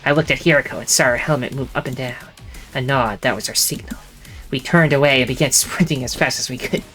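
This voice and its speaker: Narrating a visual novel aloud in the first person, a streamer interrupts with laughs and offhand jokes. The voice is medium-pitched, fairly quick and fairly bright, backed by soft music on a rough recording.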